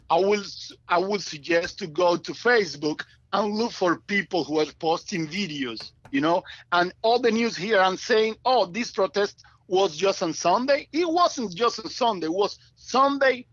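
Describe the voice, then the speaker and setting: A man's voice: sits high, lively intonation, a bit bright, no echo, highs cut off. Man on a call. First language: Spanish. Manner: halting, searching for words. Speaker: caller. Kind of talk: casual call-in talk.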